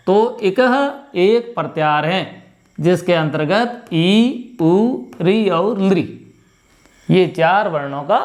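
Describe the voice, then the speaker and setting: In a high voice and with a Rajasthani Hindi accent, this male teacher lectures his class step by step, repeating sounds slowly so students can pronounce them.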